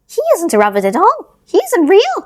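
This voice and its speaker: A woman voicing a scornful, suspicious wild rabbit with a high, loud, mocking voice. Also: wildly swooping pitch, normal speed, full character voice.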